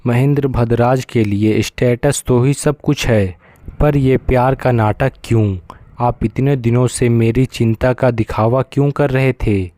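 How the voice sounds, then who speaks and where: A man's voice: medium pitch, steady tone, a little slow, dark tone, dry recording, clean studio sound, natural voice. A man voicing a hurt, angry young man with a bitter, accusing manner, in a storybook reading.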